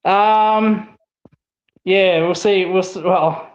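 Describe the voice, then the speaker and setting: A man's voice: high-pitched, steady tone, drawn-out words. A man co-hosting a casual sports podcast, crude and rambling, often mocking himself. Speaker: co-host. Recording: muffled echoey home mic.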